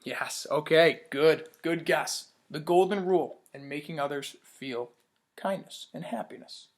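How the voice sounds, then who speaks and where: A man with a slightly high voice teaches young children during a read-aloud lesson at a measured pace. He's upbeat, asking questions and praising their answers.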